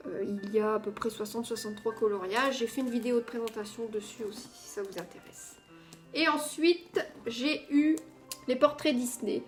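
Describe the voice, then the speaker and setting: A woman presenting her coloring books in a casual haul video, chatty, with many hesitant fillers. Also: a little high. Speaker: coloring book vlogger.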